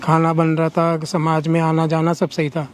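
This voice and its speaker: A man's voice: a little high, monotone, moderate pace, a little hiss or hum. Older man airing pleading complaints. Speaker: complaining father.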